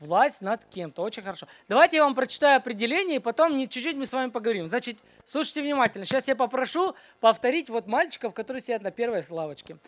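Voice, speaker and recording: Brisk woman hushing children at church. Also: on the high side, expressive, dry recording, soft background music. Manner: brisk, keeps hushing a noisy group of children. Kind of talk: leading a Bible quiz, then a short sermon to children.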